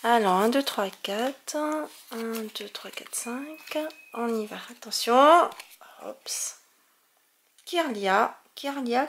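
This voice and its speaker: Opening trading cards on video, a woman chats casually, exclaiming over each card and tripping on the hard names. Her voice is fairly high and a bit bright, with vocal fry.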